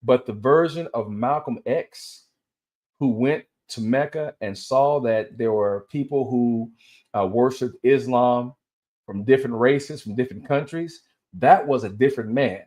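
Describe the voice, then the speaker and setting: A man's voice: medium pitch, unhurried, a little mellow. Man with aligner braces, slightly impeded speech. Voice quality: slightly impeded articulation from wearing dental aligners. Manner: stumbles over words and corrects himself. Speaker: commentary host. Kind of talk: casual spoken commentary, reading aloud from articles.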